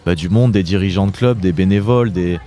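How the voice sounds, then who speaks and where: In this interview, a Drôme-born author and entrepreneur of about twenty-eight or so talks with a deep, dark voice. He sounds unsure at times, stopping to search for the right word and repeating the beginnings of his sentences.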